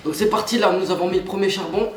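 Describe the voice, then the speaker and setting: Speaking fast in a high, slightly mellow voice, this young man is a YouTuber nursing a cold and a blocked nose. He talks straight to his vlog audience, casual, slangy and hyped, over slight background noise.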